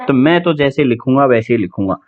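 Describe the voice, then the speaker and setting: A male teacher runs a vocabulary lesson in a chatty style. He quizzes students and spells words out letter by letter. His voice sits at a middle pitch and sounds thin and tinny, like a phone line. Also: expressive, fast talker. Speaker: English teacher. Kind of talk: online exam-prep vocabulary lesson.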